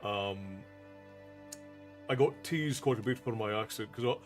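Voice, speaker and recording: A man in his forties from Ireland, with an Americanized Southern Irish accent, hosts a casual livestream in a folksy way, thanking chat members by name and calling viewers "love." His voice is fairly low and a little slow, with faint music in the background.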